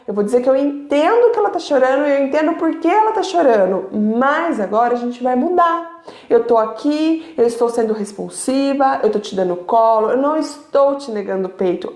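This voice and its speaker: A woman with a high, bright-pitched voice talks parents through a gentle method, asking them questions as she goes. Her voice echoes around the room. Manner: conversational, asks the audience rhetorical questions. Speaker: sleep consultant. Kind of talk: informal teaching talk to parents.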